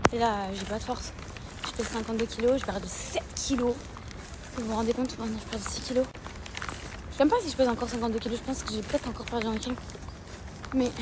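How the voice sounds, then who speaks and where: A young woman vlogging in a chatty, confiding way, sometimes dropping to soft near-whispered asides. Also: on the high side. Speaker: lifestyle vlogger. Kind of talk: casual confiding vlog chat. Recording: echoey with loud background ambience.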